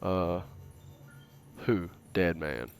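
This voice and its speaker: A man with a fairly low voice, casually reading video game text aloud for his viewers. He stumbles and restarts now and then and drops the odd curse between passages. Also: clear, resonant tone, faint music behind. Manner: casual, swears freely, reads in a halting way with restarts. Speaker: gaming channel host.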